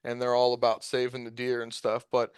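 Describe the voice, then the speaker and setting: A man's voice: mid-range voice, completely flat delivery, fairly quick, clean tone, no echo. A man in his twenties, a guest on a podcast, telling a hunting story in a casual, rambling way with lots of fillers. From Ohio. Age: 20s. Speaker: podcast guest, deer recovery drone operator.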